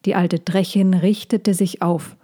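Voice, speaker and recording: A woman narrating a children's fantasy story in a slow, soothing reading. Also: fairly low pitch, fairly even intonation, warm tone.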